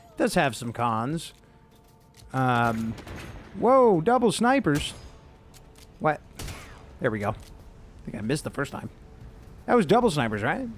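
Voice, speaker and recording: A young man from the United States casually talking with viewers while playing a game, laid-back and cursing often. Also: on the high side. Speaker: streamer. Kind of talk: casual gameplay commentary.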